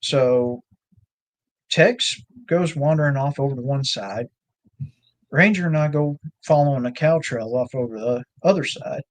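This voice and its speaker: A man with a drawl spins a long, meandering story about his land. He talks in a loose, folksy way, full of "you know" and "uh", at an ordinary, middle pitch. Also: a little slow. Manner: rambling, folksy storytelling with fillers. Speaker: ranch owner and guest. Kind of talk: casual storytelling chat.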